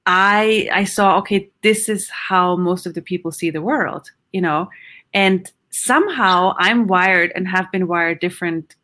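A middle-aged Austrian woman, a psychologist, appears as a guest in a conversational interview. Her fairly low voice is bright and clear, and she speaks animatedly, laughing often and pausing to search for words.

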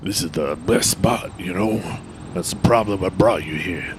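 A man's voice: sits low, moderate pace, background noise, close to an everyday voice. An actor playing a scruffy, erratic man who was fired from his job, rambling and stammering over his words. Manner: rambling, stammering, self-important.

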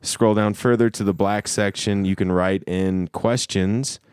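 A man's voice: on the low side, steady tone, unhurried, a little mellow, clean tone, no room sound, studio quality. A man hosting a podcast in casual comedic chat, with a joking, irreverent way of talking. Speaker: podcast host.

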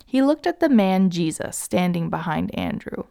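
A woman narrating a children's story gently and asking the young listener questions. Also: lowish voice, very animated, normal speed, gravelly, smooth.

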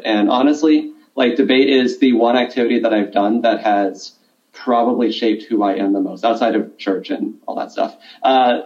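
A man's voice: fairly low pitch, muffled recording. A man who coaches debate, talking earnestly as a podcast guest and leaning on fillers like "like" and "um". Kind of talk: casual interview guest.

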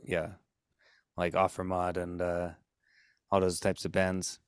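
A man's voice: sits low, monotone, takes it slowly, clear, resonant tone, dry recording, studio quality. A man hosting a podcast, talking in a rambling casual way full of "like" and "you know". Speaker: podcast host. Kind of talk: casual interview chat.

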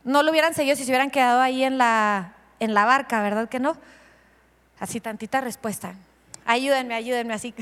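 A woman's voice: high voice, in a large hall. A woman pastor preaching a sermon, asking the congregation questions and acting out the scenes she tells. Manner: lively, asks the congregation questions and acts out scenes.

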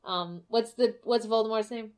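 A woman's voice: on the high side, normal speed, a little mellow. A woman with a Midwestern American accent co-hosting a podcast in casual chat, laughing often and swearing casually. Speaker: podcast co-host.

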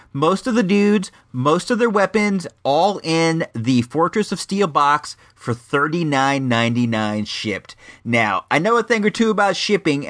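A man's voice: on the high side, fairly bright tone. Middle aged guy chatting about old toys, rambly and slangy, voice goes up and down a lot. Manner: rambling, slangy, wry asides. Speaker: host of a vintage toy show. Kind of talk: casual chatty retro toy review.

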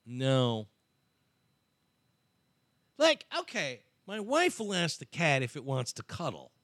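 A man's voice: medium pitch, wildly swooping pitch, takes it slowly, a bit bright, no echo. Man reading out poll results, dry studio sound. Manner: dry, reads out poll figures. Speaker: co-host. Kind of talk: casual podcast chat.

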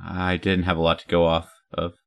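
A man's voice: deep voice, completely flat delivery, normal speed, gravelly, a bit bright, smooth. A man doing a sly shapeshifting demon woman. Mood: guarded.

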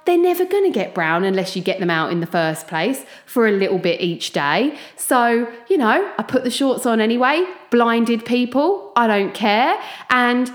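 A woman's voice: a little high, sing-song, normal speed. A woman with an Essex accent hosting a chatty solo motivational podcast, talking informally and straight to her listeners. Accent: Essex English. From Essex, England. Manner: informal pep talk addressed straight to listeners. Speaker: podcast host. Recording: echoey room.

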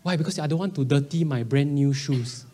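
A Singaporean man in his early thirties preaches in a conversational way. His voice sits a little higher than most men's. He slips freely into Singlish, with its particles and slang, while keeping a Singaporean accent throughout. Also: brisk, dark tone. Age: early 30s. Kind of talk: conversational sermon.

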